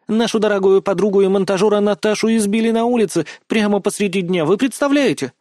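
A squealing young woman vlogger bursts with forced excitement, her pitch leaping high as she hypes each line for the camera, as a male audiobook reader puts her on. The voice sounds close and dry. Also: fast talker, no room sound, lightly acted. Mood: hyped. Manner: shrill, breathless on-camera hype. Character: excitable young female video blogger. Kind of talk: audiobook character voice.

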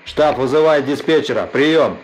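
A man's voice: on the high side, normal speed, rough recording. An actor playing a stern male headquarters officer speaking in clipped turns over a police-style radio link. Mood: terse. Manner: clipped, ends each turn with "over". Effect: police-style radio transmission. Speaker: radio caller in an audio drama.

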